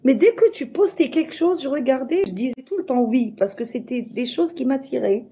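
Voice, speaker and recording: Woman w/ foreign accent in french, non-native, softish dark tone, hesitant, dull lo-fi audio. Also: high voice, animated, a little fast, slight background noise. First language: not French. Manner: hesitant, searching for words. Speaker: member of an online group. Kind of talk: casual heartfelt group talk.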